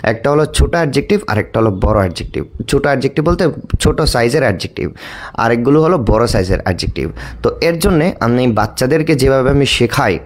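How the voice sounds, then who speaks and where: Lively male English teacher drawing out words. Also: medium pitch. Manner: stretches out words, spelling and repeating them slowly; frequent fillers and restarts, asking and answering his own questions. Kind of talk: explanatory lesson.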